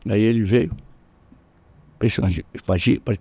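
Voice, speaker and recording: An older man with a Brazilian accent, a jiu-jitsu master telling animated stories in an interview, jumping up in pitch when he quotes people. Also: unhurried, slightly rough. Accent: Brazilian Portuguese. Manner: animated, acts out quoted voices with jumps in pitch. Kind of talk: storytelling in casual interview.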